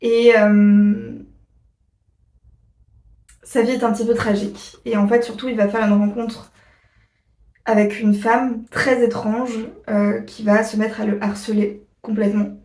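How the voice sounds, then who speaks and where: A woman vlogger chatting casually to her viewers, rambling and pausing often on fillers. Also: medium pitch, flat delivery, a little mellow, recorded from a distance. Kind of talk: casual chat to camera. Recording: echoey room, voice a bit off-mic.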